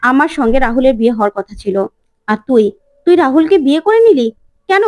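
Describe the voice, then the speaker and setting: A woman's voice: high voice, expressive, fast, darkish tone, dry recording, clean studio sound. A woman voicing a scheming, jealous young woman who speaks in a whiny, defiant way. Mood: sulky.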